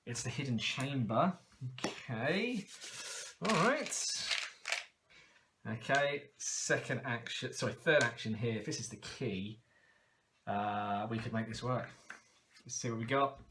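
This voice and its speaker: A man's voice: medium pitch, lively intonation, unhurried, pauses often, noisy background. A man talking through a card game as he plays, laughing often and talking to himself. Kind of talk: casual game playthrough commentary.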